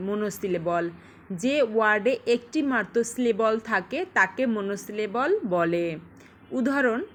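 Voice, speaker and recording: A woman with a slightly high voice gives a short lesson voice-over. She explains each term patiently and at a measured pace. A faint hiss of noise sits under her voice. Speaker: teacher.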